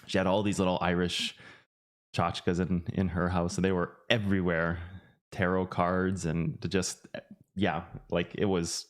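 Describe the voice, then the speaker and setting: Man, very low voice, rambling casual chat, lots of restarts, finance streamer. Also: flat delivery, measured pace. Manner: rambling, many restarts and fillers. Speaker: finance YouTuber.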